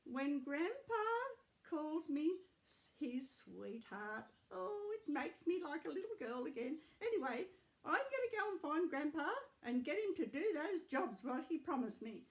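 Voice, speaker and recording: Woman voicing an elderly grandmother, high voice, rambling, fond, fussy. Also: sing-song, unhurried, heavily acted. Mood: chatty. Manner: rambling, warm, chuckling.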